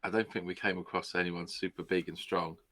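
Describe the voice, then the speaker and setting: A man's voice: sits low, fairly even intonation, fairly quick, bright, forceful tone. A man playing through a gamebook, making dry, wry comments. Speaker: player. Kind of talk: casual banter during a game.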